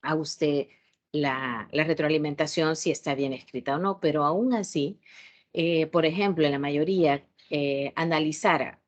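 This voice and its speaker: A woman with a Salvadoran accent giving an online tutorial lecture as a university tutor, strict and instructive, often pausing with hesitation fillers. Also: low-pitched. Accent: Salvadoran Spanish. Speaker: university math education tutor.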